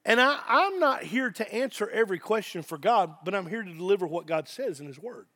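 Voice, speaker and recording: A man with an Appalachian accent giving an informal sermon as a pastor, earnest, excitable and folksy, repeating phrases for emphasis. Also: sits high, fairly quick. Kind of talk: sermon, informal Bible teaching.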